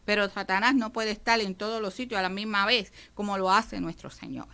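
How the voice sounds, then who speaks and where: A woman pastor from Puerto Rico, with a Puerto Rican Spanish accent, teaches emphatically on a radio devotional show and calls her listeners "brother." Her mid-range voice is gravelly yet clean, with a sharp edge, and she speaks a little fast.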